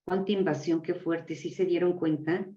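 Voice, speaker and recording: A middle-aged woman leads a workshop in a fairly low voice, exclaiming and calling out to her group. She sounds distant from the mic in an echoey room, and the recording is dull and lo-fi. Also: normal speed. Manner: expressive, exclaiming, calls out to the audience. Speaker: workshop facilitator. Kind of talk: live workshop talk to a group.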